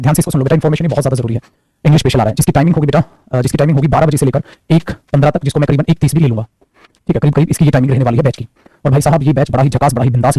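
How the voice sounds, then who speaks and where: Fast-talking man teaching a live class. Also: medium pitch, warm tone, husky, dry recording. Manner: chatty, scolding, joking with students. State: sore neck. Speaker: online coaching teacher. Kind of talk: casual live class talk.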